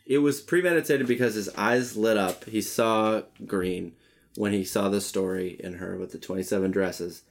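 A man's voice: on the low side, a little fast, vocal fry, hardly any pauses. A man in casual conversation, blunt and cursing as he argues his point. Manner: blunt, swears, argues strongly. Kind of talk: casual chat.

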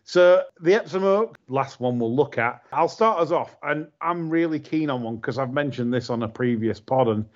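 Man, podcast host, mid-pitched voice, animated rants, slightly muffled audio. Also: normal speed, few pauses. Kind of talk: casual podcast chat.

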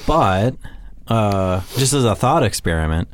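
A man's voice: fairly low pitch, lively intonation, unhurried, slight background noise. A man co-hosting a casual podcast chat, rambling with many restarts and fillers. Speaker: podcast co-host.

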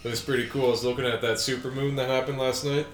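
A man's voice: mid-range voice, level tone, fast. A young man, talking in a laid-back, drawling way as a guest in a casual podcast chat. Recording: echoey room with music behind.

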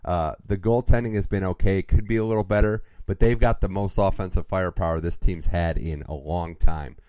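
A man hosting a hockey podcast, giving lively, opinionated takes in casual chat. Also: low-pitched, a little fast, clear, resonant tone, no echo.

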